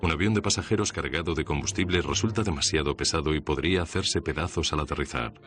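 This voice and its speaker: A man reading a scripted documentary narration in a measured, serious way. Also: very deep voice, fairly bright tone. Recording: music under the voice. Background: background music.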